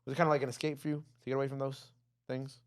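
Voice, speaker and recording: A man's voice: mid-range voice, little pitch movement, racing, clean tone. A man in his twenties hosting a casual interview, asking long rambling questions full of fillers. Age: 20s. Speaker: interview host.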